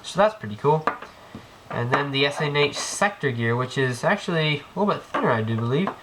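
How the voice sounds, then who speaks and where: Animated and a little fast, a fairly high-pitched man with a cold shows airsoft gearbox tech while working on the floor of an indoor room. The tutorial is casual and rambling, dotted with ums and restarts. Clicks and noise fill the home video.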